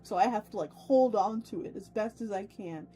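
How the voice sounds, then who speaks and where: A woman running a casual VTuber livestream talks with her viewers in an effusive, playful manner, full of theatrical phrasing. Soft music plays behind her mid-range, dark-toned voice at normal speed.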